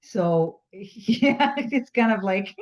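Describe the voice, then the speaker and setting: A woman's voice: mid-range voice, animated, extremely slow. A woman, sharing hesitantly in a group session. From Bulgaria. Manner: hesitant, many fillers, self-reflective. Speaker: workshop participant.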